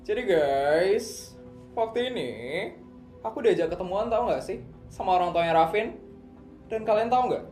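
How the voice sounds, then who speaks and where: A woman's voice: mid-range voice, lively intonation, moderate pace, mellow, close to an everyday voice. A woman voicing a spoiled, boastful young rich girl who brags and gossips. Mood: smug. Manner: bragging, gossipy. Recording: roomy echo, faint music behind.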